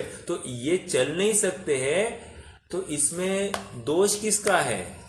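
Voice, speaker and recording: A man teaching a scripture class, asking his students questions and explaining slowly and patiently with many pauses. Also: high voice, slight background noise. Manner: asks the class questions and repeats their answers. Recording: echoey room recording.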